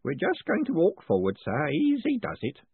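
A high, hoarse old postman. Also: wildly swooping pitch, moderate pace, dry recording, phone-quality sound, full character voice. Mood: whispering. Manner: hoarse whispering, keeps adding "sir". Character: fussy old male postman, eager and servile.

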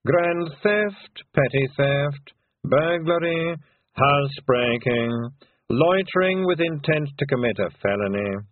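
A man voicing a formal male lawyer reading out a long list of charges in a slow drone. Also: on the high side, expressive, no room sound, narrow, tinny audio, voice pushed up. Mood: droning. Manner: slow, droning legal reading.

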